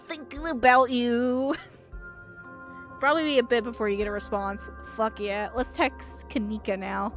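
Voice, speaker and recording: A woman with a voice on the high side streams a game unhurriedly, giggling and getting excited as she reads the on-screen text aloud in her playful commentary. Faint music plays behind her.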